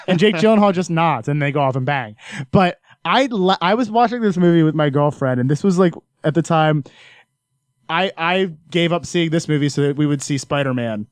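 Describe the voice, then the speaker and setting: A man's voice: a little high, animated, normal speed, clear, resonant tone, dry recording. A man hosting a podcast, ranting and laughing in casual chat. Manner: loud, rants and laughs. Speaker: podcast host.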